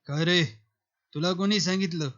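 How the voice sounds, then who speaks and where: A man's voice: sits high, steady tone, moderate pace, fairly bright tone, highs cut off. A man voicing a haughty male landlord who speaks with scornful command.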